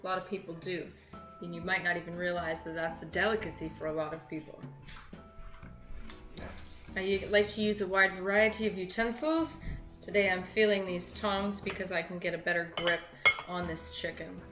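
A woman's voice: fairly low pitch, fairly even intonation, normal speed. A young woman hosting a home cooking show, chatting upbeat and casual as she works at the counter of a large kitchen. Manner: chatty, upbeat, talks while working with her hands. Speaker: web cooking show host. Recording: echoey kitchen with light background music.

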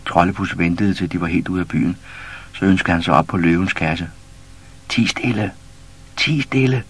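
A man reading a children's storybook aloud to a young listener, steady and storyteller-like. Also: low voice, breathy edge. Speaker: audiobook reader.

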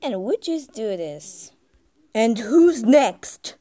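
High, lively woman narrator for a homemade cartoon; very slow, halting phrasing. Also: dry recording. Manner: halting, ungrammatical phrasing with fillers. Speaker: fan cartoon creator and narrator. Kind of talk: casual fan-made cartoon narration.

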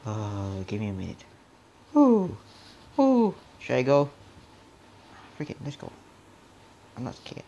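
A man's voice: lowish voice, moderate pace, gravelly, pauses often, a little mellow, dull audio, a little hiss or hum. A man playing a horror game and commenting on it, jumpy and nervous, often dropping to a whisper and muttering mild curses to himself. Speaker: gamer. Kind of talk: horror let's play commentary.

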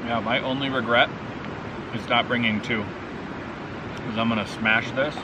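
A man co-hosting a camping vlog, talking between bites of food in a relaxed, enthusiastic way. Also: medium pitch, moderate pace, distant mic. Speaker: vlog co-host. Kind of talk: casual chat. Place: outdoors by a camper van at dusk. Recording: noisy outdoor recording.

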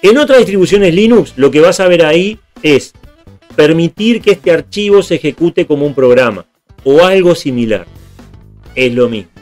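A man's voice: on the high side, animated, moderate pace, darkish tone, faint music behind. A man teaching programming step by step in a screen tutorial, often checking that viewers follow. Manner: patient, step by step, checks in with "¿está bien?".

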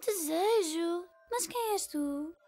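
A woman voicing a gentle, dainty young frog princess in a cartoon dub, with a European Portuguese accent. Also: very high-pitched, lively intonation, slow pace, a little hiss or hum, full character voice. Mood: wondering.

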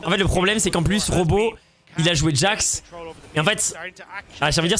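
A man co-casting an esports match on his stream, animated, swearing and shouting at plays while talking to his chat. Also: high voice. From Portugal. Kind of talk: excitable casual commentary. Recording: crowd noise from match stream behind.

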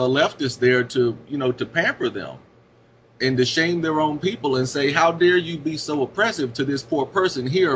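Male podcast co-host; rambling, filler-heavy delivery; lo-fi muffled sound. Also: a bit bright. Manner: rambling, many fillers, drops into low mutters. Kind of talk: casual podcast discussion. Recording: dull lo-fi audio with faint hiss.

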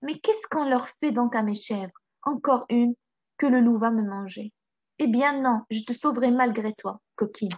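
A woman's voice: a little high, normal speed, darkish tone. A woman voicing a kindly, worried old goat farmer in a storybook reading, fretful and pleading. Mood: exasperated. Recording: slightly dull recording.

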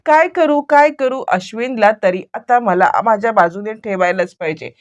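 A woman's voice: mid-range voice, moderate pace, muffled recording, lightly acted. A woman voicing a scheming young woman who whines and complains. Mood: whiny. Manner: whiny, complaining.

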